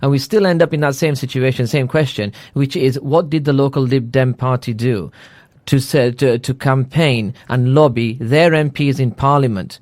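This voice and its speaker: A man's voice: mid-range voice, normal speed, hardly any pauses, darkish tone, no room sound. A male radio interviewer in a studio, pressing a candidate with repeated questions and many hesitant fillers. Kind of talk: probing political interview.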